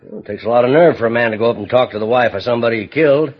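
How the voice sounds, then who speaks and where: An actor playing a tough, sly old rancher with a folksy drawl in a vintage radio western. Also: male voice, medium pitch, very fast, lightly acted. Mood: sly, needling. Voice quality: husky. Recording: muffled old radio recording.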